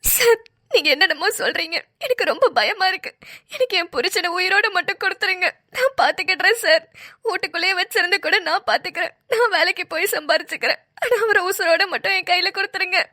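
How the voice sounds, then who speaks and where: A woman's voice: extremely high pitch, animated, fast, bright, forceful tone, no room sound, studio quality, heavily acted. A woman voicing a frightened young wife who tearfully pleads for her husband in a cartoon. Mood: pleading.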